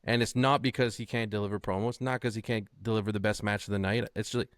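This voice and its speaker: A man's voice: on the low side, steady tone, fast talker, smooth, dry recording. Man talking wrestling, dry sound. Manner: repeats phrases while building a point. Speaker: podcast co-host. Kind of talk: casual chat.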